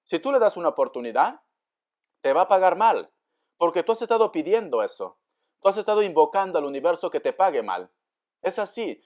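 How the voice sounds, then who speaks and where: A man giving a tarot reading to camera in a warm, coaxing way, often calling the listener dear and acting out their doubts. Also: on the high side, big pitch swings, quick pace. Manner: acts out the listener's doubts in quotes. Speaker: tarot reader.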